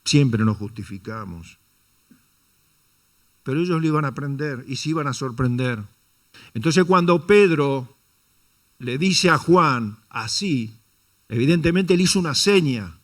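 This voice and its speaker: Un predicador con acento da su sermón dominical con voz de tono medio. Lanza preguntas retóricas a la congregación y se dirige a ella como "hermano". Cambia la entonación para dramatizar las frases que cita. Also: male voice, medium pitch, lively intonation, measured pace, long pauses. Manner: rhetorical questions, addresses the congregation as brother; dramatizes quotes with shifting intonation. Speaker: pastor. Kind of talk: sermon.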